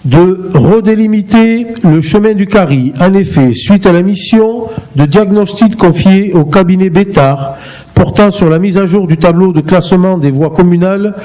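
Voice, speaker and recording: A man on a town council reading a formal motion aloud, in a steady and formal manner. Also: high-pitched, moderate pace, rough recording. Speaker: council member reporting a motion.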